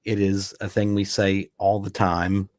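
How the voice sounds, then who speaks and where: In clean studio sound with no echo, a man co-hosting a casual film commentary speaks in a low voice, a little slowly. He's relaxed and rambling, frequently restarting what he's saying.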